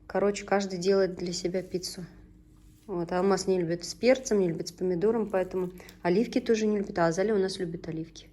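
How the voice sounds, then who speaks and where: This home-kitchen vlog features a woman in her thirties from Tatarstan whose first language is Tatar, cooking while she chats and guides her kids. She speaks quickly in a fairly low, warm, steady voice, homely and talkative, often cutting off to instruct the children.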